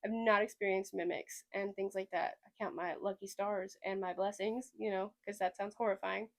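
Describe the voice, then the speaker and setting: With a steady tone, medium pitch, and normal speed, a young podcast host from Sweden speaks with a slight Southern US twang. Her casual chat is rambling and chatty, and she hedges a great deal.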